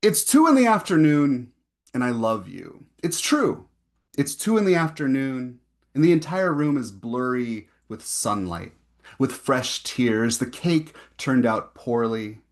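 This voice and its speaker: A young man reads his own poems aloud at a poetry event, giving repeated lines slow, rising emphasis. Between the poems he chats casually and leans on fillers. His voice sits at an ordinary middle pitch. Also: very animated. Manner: chatty, filler-heavy asides between poems. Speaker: poet reading his work. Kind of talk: poetry reading with casual asides.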